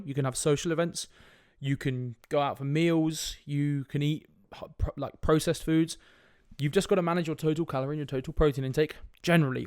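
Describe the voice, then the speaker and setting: Sounding sniffly from a cold, a young fitness coach talks casually on his solo podcast in a slightly high, darkish voice with a close, dry, echo-free sound. He's direct, swears, and keeps adding "right?" asides.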